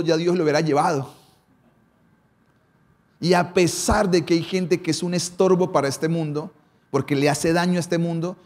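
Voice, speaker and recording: A pastor preaching a sermon. His voice sits a little high for a man. He moves between quick runs and slow, weighty lines, often stopping on a rhetorical question. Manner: preaching, varied emphasis and pace, rhetorical questions.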